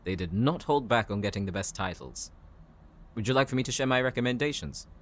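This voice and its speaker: A man playing a calm, bookish professor in an audio roleplay, speaking politely and formally. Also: medium pitch, a little fast, close to an everyday voice. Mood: courteous, helpful. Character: courteous, bookish male professor, calm and considerate. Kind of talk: scripted audio roleplay addressed to the listener.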